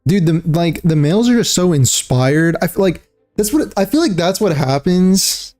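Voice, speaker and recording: A man's voice: sits high, sing-song, normal speed, darkish tone. A young man streaming a game and chatting casually, rambling with lots of fillers and calling people dude and bro. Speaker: livestreamer. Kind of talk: casual gaming chat.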